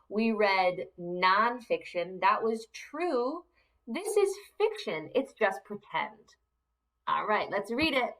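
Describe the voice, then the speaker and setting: A woman's voice: mid-range voice, fairly bright tone, rough recording. A woman teacher reading a picture book aloud to young children, coaxing them with questions.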